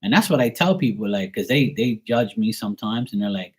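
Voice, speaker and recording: A man's voice: fairly low pitch, brisk, darkish tone, slightly rough. A man from Bermuda with a Bermudian accent, talking in a blunt, profane, ranting way on a casual livestream. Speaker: livestream host.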